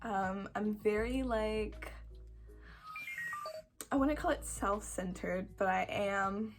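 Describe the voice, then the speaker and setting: A 21-year-old woman with a croaky voice, chatting casually to camera in a rambling, self-deprecating way with dramatic emphasis. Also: mid-range voice, takes it slowly, music in the background. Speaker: video creator answering follower questions.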